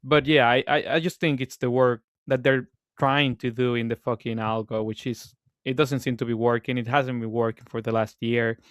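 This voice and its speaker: A man with a smooth, clean voice talks in a relaxed, filler-heavy way as a podcast co-host. The sound is close and dry, with no room in it. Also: medium pitch, normal speed, hardly any pauses, dry recording. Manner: laid-back, filler-heavy. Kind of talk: casual podcast chat.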